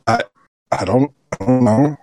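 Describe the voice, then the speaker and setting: Guy on a headset sounding all robotic and metallic from a laggy connection, stumbly, mid pitch. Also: darkish tone. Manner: halting, self-deprecating, stumbles over restarts. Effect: robotic, metallic-sounding voice from a bad connection. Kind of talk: casual chat. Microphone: gaming headset over an online call.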